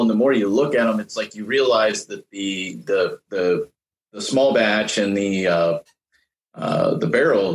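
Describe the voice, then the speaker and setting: A man co-hosting a podcast in casual chat, animated and playful, laughing easily. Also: lowish voice. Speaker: podcast co-host. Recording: roomy echo.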